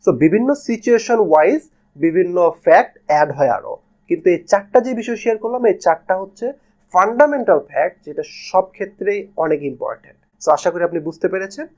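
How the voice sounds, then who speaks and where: Young male teacher, slightly high voice, casual lesson delivery, mixes English phrases into his speech. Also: brisk. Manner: demonstrates flat versus varied intonation. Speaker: speaking skills teacher.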